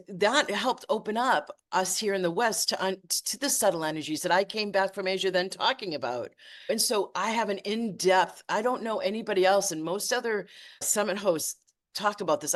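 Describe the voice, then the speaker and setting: A woman teaching energy medicine as a podcast guest, talking passionately and emphatically, stumbling over her words when she gets worked up. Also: medium pitch. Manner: passionate, emphatic, exaggerating for effect. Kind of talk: podcast interview.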